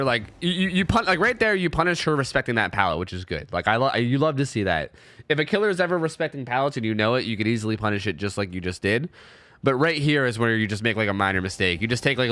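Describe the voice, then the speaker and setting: A young man with a cold casually commentates gameplay as a reviewer, sniffly, profane, and rambling with many restarts. His mid-range voice is a bit bright, and the recording is dry.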